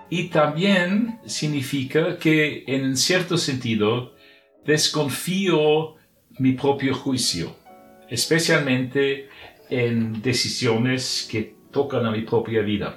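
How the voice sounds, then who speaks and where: Slow, halting Austrian-accented man. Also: mid-range voice, roomy sound. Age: middle-aged. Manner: halting, non-native speech with searching pauses. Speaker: religious brotherhood member, communications director. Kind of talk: prepared spiritual reflection for a podcast.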